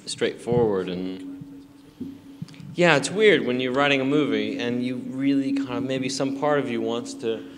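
Speaking into a handheld mic before a theater audience, a medium-pitched American man in his forties fields questions at a casual live screening Q&A. He halts, rambles, restarts, and uses many fillers, while the audio picks up background noise and a long theater reverb.

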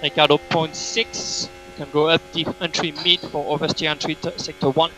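Male race engineer, fairly high, forceful voice, clipped repeated calls over humming race car radio. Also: level tone, moderate pace, soft background music, poor audio. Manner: terse, repetitive, clipped instructions. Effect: team radio transmission.

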